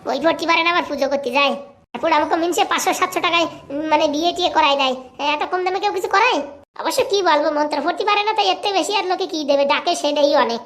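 A shrill nagging wife. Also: fairly bright tone. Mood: scolding. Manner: scolding, mocking, fast-talking. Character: nagging shrill village wife of a poor priest. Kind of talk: comic cartoon voice acting.

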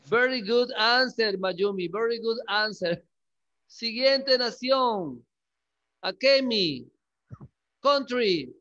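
Guy teaching english, high voice, repeats each word slow and asks "ok?" a lot. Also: lively intonation, pushed and bright, highs cut off. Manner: repeats words slowly to drill pronunciation; coaxing, checks in with frequent questions. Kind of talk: classroom lesson.

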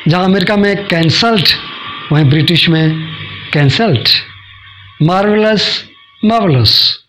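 A man teaching a spoken English lesson in Hindi, repeating each example word and sentence slowly and deliberately. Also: fairly high pitch, a bit bright, slight background noise.

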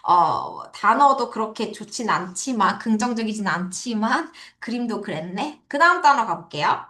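A woman teacher giving an online vocabulary lecture, drilling pronunciation by slowly repeating words for her students. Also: mid-range voice, very animated, bright, forceful tone. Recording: echoey room.

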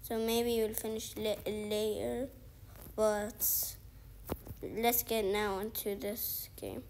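A young woman who makes gaming videos chats casually over her mobile football match, rambling and thinking out loud with lots of "like"s and restarts. Her voice is medium in pitch, even in tone, slow and slightly mellow. She comes from outside the featured countries.

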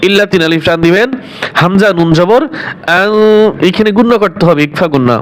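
A man with a high, smooth and resonant voice teaches religious recitation in a calm, patient way. His first language is Bengali. He draws out each chanted phrase slowly and then explains it. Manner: slow, drawn-out chanting of Arabic phrases between quick explanations. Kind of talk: religious pronunciation lesson.

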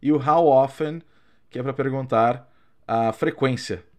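A man whose first language is Portuguese, teaching an English grammar lesson and reading out example forms slowly and carefully. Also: medium pitch. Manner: slow, carefully spaced explanations with drawn-out English examples.

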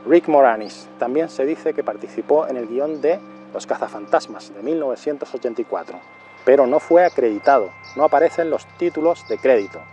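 A middle-aged man reviews a film with a mellow, darker tone, spelling out his points with deliberate care. He often repeats titles and dates to drive them home, while soft music plays faintly behind him. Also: medium pitch, lively intonation, muffled recording. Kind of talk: scripted film review monologue.

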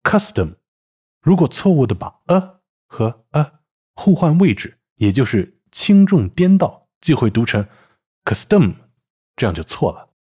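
A man's voice: mid-range voice, big pitch swings, normal speed, mellow, slightly rough. A man narrating a scripted pronunciation lesson, carefully demonstrating sounds and explaining them step by step. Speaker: English pronunciation teacher.

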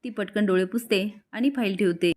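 Woman narrator, steady recap storyteller, plain even delivery. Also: mid-range voice, normal speed. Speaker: narrator recapping a TV serial episode.

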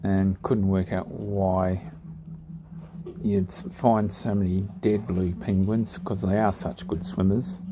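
A man narrating his sailing trip over drone footage in a relaxed, unhurried way, with frequent ums and pauses. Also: deep voice, noisy background.

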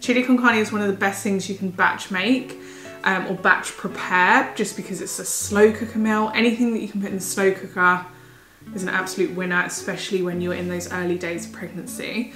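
This young vlogger, heavily pregnant and slightly winded, talks eagerly about her food haul at home in a brisk, fairly bright medium-pitched voice with fairly even intonation. Faint music plays in the roomy home recording.

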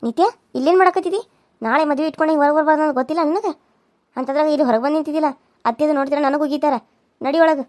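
A woman's voice: sits high, very fast, natural voice. A woman voicing a jealous, taunting elder sister-in-law in a cartoon serial, with a North Karnataka Kannada accent. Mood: scolding. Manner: sharp, taunting.

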